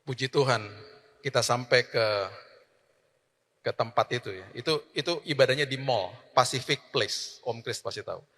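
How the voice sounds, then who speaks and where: A man pastor preaching a sermon, swinging from loud emphatic declarations to quiet storytelling. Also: medium pitch, normal speed, long reverb tail.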